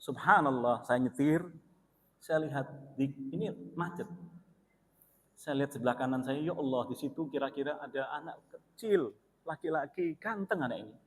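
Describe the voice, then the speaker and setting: A man with an East Javanese Indonesian accent preaching in a mosque, telling a personal story in a lively way, swinging from loud exclamations to soft asides. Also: mid-range voice, moderate pace. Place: mosque hall. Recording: long reverb of a mosque hall.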